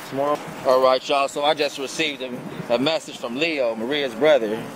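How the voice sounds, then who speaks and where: A man's voice: mid-range voice, fairly even intonation, normal speed. A young man vlogging in a loose, joking way, cursing and bantering while he shops at an outdoor swap meet. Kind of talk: casual vlog chat. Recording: crowd noise outdoors.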